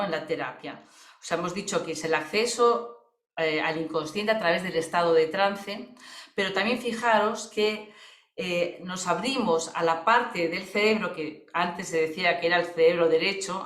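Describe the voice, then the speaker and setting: Woman, chatty webinar talk full of fillers and tag questions, mid-pitched, echoey room over a video call. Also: fairly bright tone. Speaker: voice therapist. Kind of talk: webinar explanation.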